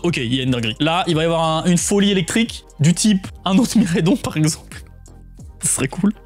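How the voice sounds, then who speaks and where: A man with a French accent opening trading card packs on camera, commenting excitedly, swinging between hushed mutters and loud shouts. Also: mid-range voice.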